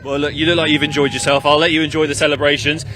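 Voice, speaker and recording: Brit pit lane reporter, high bright voice, teasing drivers outdoors, some background noise. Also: male voice, flat delivery, racing. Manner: chatty and teasing. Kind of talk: post-race interviews. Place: outdoors at a race circuit.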